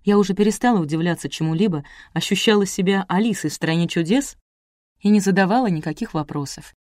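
A woman narrating a novel as an audiobook, brisk and wry. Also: mid-range voice, a little mellow, no echo, studio quality. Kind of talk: audiobook reading.

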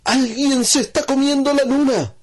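A man voicing an excitable young male foal in a storybook tale, with high, loud exclamations. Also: a little slow, husky, exaggerated voice. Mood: excited.

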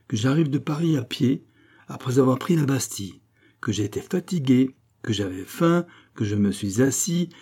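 Guy reading doing a smug young rogue, pompous, declaiming, husky dark voice. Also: mid-range voice, lightly acted. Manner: grandly mocking, declamatory. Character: cheeky young man, mock-pompous and hungry.

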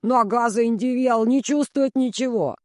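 Man playing a bulky, yelling village man. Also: high voice, lively intonation, slow, clean tone, no room sound, studio quality, voice pushed up. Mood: hurt. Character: heavy-set village man, bass voice, yelling.

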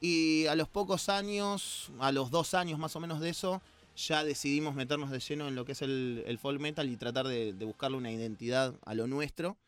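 A man's voice: a little high, a little fast, clear, resonant tone, soft background music. A man with a Rioplatense Spanish accent, a guest musician telling stories about his band in a casual interview, with joking asides. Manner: storytelling, jokey asides.

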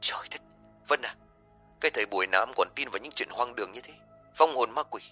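A man voicing a scheming young man who talks in a fast, sharp, dismissive way. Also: mid-range voice, expressive, soft background music, voice pushed up. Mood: scoffing.

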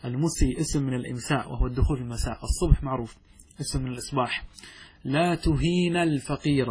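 Husky-voiced man teaching grammar. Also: mid-range voice, fairly even intonation, a little mellow. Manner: asks students questions, recites verse slowly. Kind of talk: classroom lesson explaining grammar.

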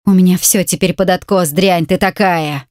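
A woman's voice: on the low side, fairly even intonation, moderate pace, dry recording, clean studio sound, lightly acted. A woman reading an audiobook voices a furious, brutal man who snarls threats and insults. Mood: menacing. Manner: snarling, menacing, shouting insults.

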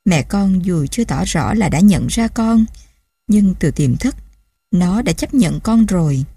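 A woman's voice: lowish voice, expressive, a little slow, dark tone, breathy edge, dry recording, studio quality, exaggerated voice. A woman voicing a remorseful elderly grandmother in a storybook reading, with a trembling, emotional manner.

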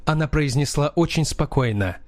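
Man reading a crime story, fairly high voice. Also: normal speed, a little mellow, no echo. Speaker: narrator. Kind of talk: audiobook narration. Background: faint music.

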